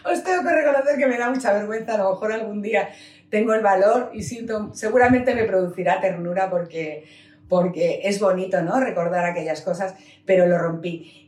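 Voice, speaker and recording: A woman's voice: mid-range voice, darkish tone. Woman, Peninsular Spanish accent, earnest testimony speaker addressing the audience directly; distant, echoey room recording. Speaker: business seminar speaker. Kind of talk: personal testimony talk to an audience. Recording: roomy sound from a distant mic.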